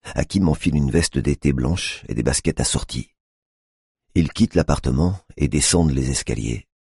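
Very deep, husky male narrator. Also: lively intonation, moderate pace, a little mellow, no echo, clean studio sound. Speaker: audiobook narrator. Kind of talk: scripted narration.

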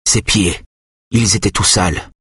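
A male audiobook reader playing a quiet, thoughtful detective in a slow, low, subdued voice. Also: steady tone, slightly rough, no echo, studio quality, exaggerated voice. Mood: urgent. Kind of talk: audiobook reading.

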